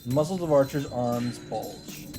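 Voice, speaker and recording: Unhurried and mid-range in pitch, this man's voice carries a dramatic read-aloud of a visual novel as a let's player. He tosses in casual asides while game music plays behind him.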